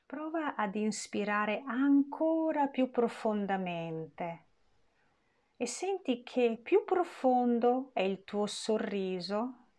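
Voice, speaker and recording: Slow, gentle woman guiding meditation. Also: fairly high pitch, lively intonation. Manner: slow, gentle, soothing delivery with long pauses. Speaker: meditation guide. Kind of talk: guided meditation.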